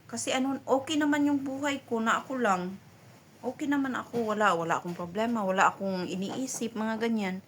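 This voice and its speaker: Middle-aged filipina vlogger rambling to viewers, lots of fillers, bit of rumble behind. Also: female voice, fairly quick. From Philippines. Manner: chatty, rambling, many fillers and restarts. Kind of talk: casual chat to viewers.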